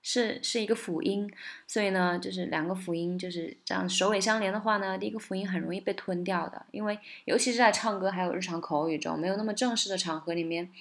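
A woman with a mid-range voice runs a casual song lesson. Her explanations come out brisk and chatty. When she reaches the lyrics, she sings each phrase slowly and lifts the stress toward the end of the line. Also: medium pitch, steady tone. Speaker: English song tutor.

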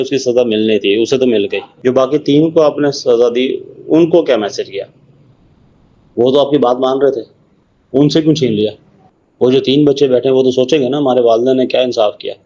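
A man's voice: medium pitch, dark tone. A man giving a conversational talk on raising children, acting out scolding parents as examples. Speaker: parenting speaker. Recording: dull lo-fi recording.

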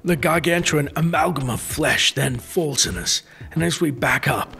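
A man narrates a game tale in a formal, storyteller style. His voice is medium in pitch with a sharp, forceful edge. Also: gravelly. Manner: formal, literary phrasing. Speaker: narrator of a game lore series. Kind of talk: scripted dramatic story narration of gameplay.

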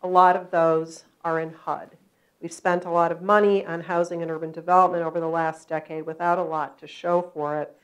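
A woman's voice: fairly low pitch, little pitch movement, clean tone, rough recording. Older woman moderating an onstage talk. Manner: measured questions with many fillers. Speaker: interviewer, moderator. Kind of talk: onstage conversation. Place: stage at a journalism foundation event, seated in armchair.

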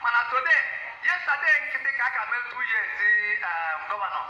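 Emphatic high-voiced Nigerian man at a rally. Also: sing-song, brisk, bright, forceful tone, dull audio, a little hiss or hum. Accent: Nigerian, Igbo-speaking. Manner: emphatic, switching between Igbo and English. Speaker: political rally speaker. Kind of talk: impassioned rally speech. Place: large hall with seated crowd. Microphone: handheld mic, far camera. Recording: echoey hall, from far off.

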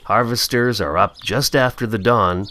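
A man from Canada narrating a scripted promotional voice-over in a calm, measured, unhurried way. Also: fairly low pitch.

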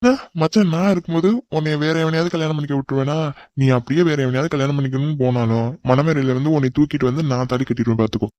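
A man's voice: mid-range voice, fairly even intonation, rapid-fire, darkish tone, no echo, close to an everyday voice. A man voicing a cocky young man in a cartoon who bossily teases his cousin. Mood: teasing. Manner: bold, bossy teasing. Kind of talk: cartoon voice acting.

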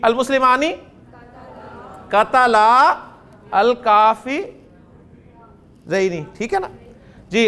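High-voiced Pakistani man teaching grammar. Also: fairly bright tone. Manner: quizzes students, drawn-out phrase by phrase. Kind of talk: classroom lecture.

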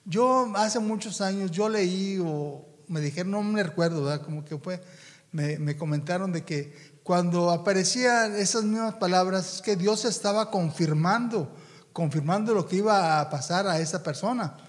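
Man, preaching a sermon, high voice, halting with repeated words, long hall reverb. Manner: halting, repeats words, addresses congregation as brothers.

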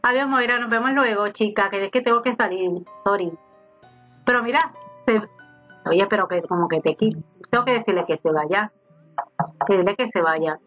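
A woman's voice: mid-range voice, moderate pace, long pauses. A woman giving casual let's-play commentary, chatting to her game characters as she plays. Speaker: gaming YouTuber. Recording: slightly dull home recording with faint game music. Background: faint game music.

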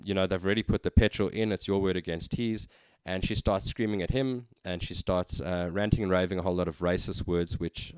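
Man, deep smooth voice, rambling vlog story, dry close sound. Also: no echo. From South Africa. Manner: conversational anecdote with frequent ums. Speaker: vlogger. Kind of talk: casual storytelling.

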